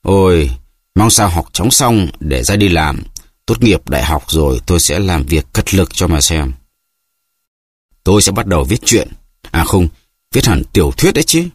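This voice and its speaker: A man's voice: sits low, sing-song, normal speed, breathy edge, no room sound, studio quality, exaggerated voice. A man voicing a young man who grumbles and makes excuses all the time. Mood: grumbling. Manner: whining, grumbling. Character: young man, forever complaining and making excuses.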